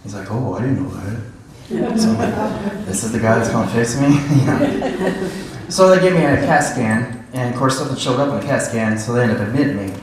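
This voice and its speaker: A man telling his testimony in church, animated, acting out the dialogue as he tells his story. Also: medium pitch, brisk, a little hiss or hum. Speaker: church member giving a testimony. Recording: echoey church hall, voice heard from a distance.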